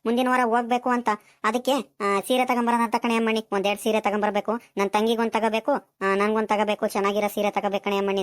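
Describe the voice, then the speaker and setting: An eager village neighbor woman in a cartoon, pleading and persistent, as a woman plays her. She talks quickly. Her voice is fairly high. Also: close to an everyday voice. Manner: persistent, pleading, many drawn-out fillers. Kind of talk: cartoon voice acting.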